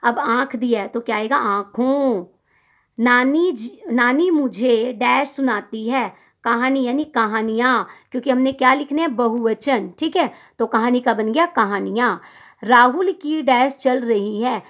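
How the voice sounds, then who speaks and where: A woman's voice: fairly high pitch, a little slow, lo-fi sound. A young adult woman teaching a Hindi grammar lesson, asking the class questions and answering them herself.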